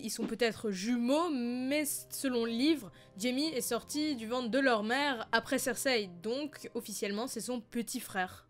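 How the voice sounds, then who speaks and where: A young woman vlogger talking casually about fan theories, playful and self-mocking, her voice slightly hoarse. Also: high-pitched. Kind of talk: casual chatty video commentary.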